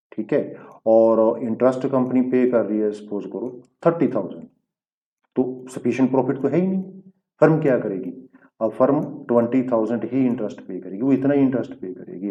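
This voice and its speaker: A man's voice: medium pitch, lo-fi sound. A man teaching an accountancy lesson, explaining rules step by step, asking checking questions and mixing English terms into his talk. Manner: mixes English terms into Hindi speech. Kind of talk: recorded classroom lesson.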